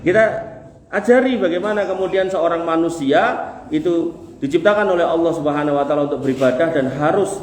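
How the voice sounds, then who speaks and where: A man's voice: fairly high pitch, fairly quick, a little mellow. A man with a Javanese accent preaching a sermon to a congregation in a folksy, joking way, driving points home with rhythmic repetition. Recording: echoey room with faint noise.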